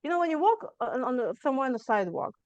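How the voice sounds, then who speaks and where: A woman in her forties from Lithuania speaks with a smooth, crisp tone. She is a guest on a podcast, animatedly acting out her own past thoughts as she tells her story. The recording is dry and slightly muffled. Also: sits high, sing-song, rapid-fire, dry recording. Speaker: guest, stress management coach. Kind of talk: conversational storytelling interview.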